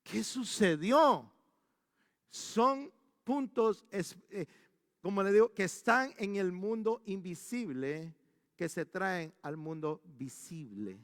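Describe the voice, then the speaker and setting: A man's voice: high-pitched, slow pace, dry recording, clean studio sound, in a large hall. A male pastor preaching a storytelling sermon in a church. He talks animatedly and often restarts his sentences.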